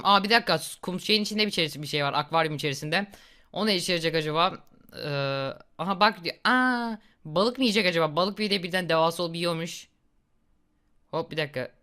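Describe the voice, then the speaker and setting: A young man in his twenties chats through a gory game with a bright, forceful voice. He reacts loudly and laughs often. His tone is smooth and clear. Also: a little high. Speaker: gaming YouTuber. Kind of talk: casual gameplay commentary.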